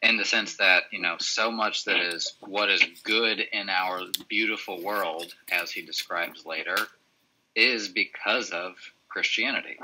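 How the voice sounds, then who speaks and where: A man's voice: sits low, unhurried, bright, forceful tone, slight background noise, poor audio. A man leading a casual book club discussion on a video call, asking follow-up questions.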